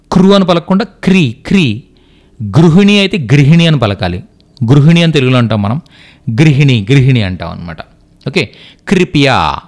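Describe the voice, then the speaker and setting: A man with a Telugu accent teaching Hindi letters, sounding out syllables slowly and often checking that his students understand. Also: mid-range voice. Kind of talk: language lesson explaining letters.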